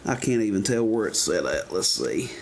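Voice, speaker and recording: With a lowish, slightly mellow voice that swings widely in pitch, this man talks at normal speed while demonstrating CB radios he's selling. His delivery is folksy and rambling, unscripted like a vendor displaying equipment, and the noisy amateur footage picks up clicks.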